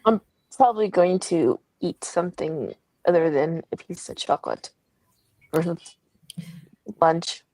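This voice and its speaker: A woman hosting a reading livestream from home, chatting casually and telling stories in a relaxed way. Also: fairly low pitch, a little slow, long pauses, poor audio. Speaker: sprint host on a reading livestream. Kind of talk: casual chat. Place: at home with her dog.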